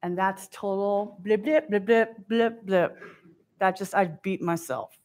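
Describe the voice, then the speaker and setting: A woman giving a keynote talk, telling a personal story in an animated way and acting out the quoted voices. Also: mid-range voice, slow. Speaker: keynote speaker. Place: stage before an audience.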